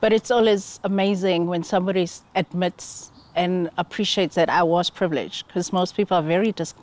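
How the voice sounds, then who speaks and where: A woman's voice: fairly low pitch, steady tone, brisk, darkish tone. A woman from South Africa hosting an interview podcast, affirming her guest often. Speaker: podcast host.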